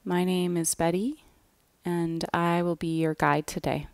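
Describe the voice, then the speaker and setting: Reading a scripted yoga nidra relaxation, a woman speaks at a very slow, unhurried pace in a lowish voice with little pitch movement, her phrases ending gently. The sound is intimate and dry, with no echo.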